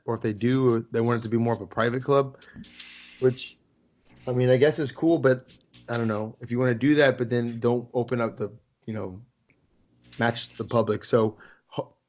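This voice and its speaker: Male podcast host, casual and rambling, even mid-range voice. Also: medium pitch. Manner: relaxed, rambling with fillers and restarts.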